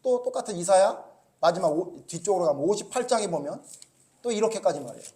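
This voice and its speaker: A male pastor preaching a Sunday sermon, asking his congregation rhetorical questions and swinging between loud rebukes and quiet asides. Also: fast talker. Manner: animated preaching, rising loud when scolding, dropping low and quiet.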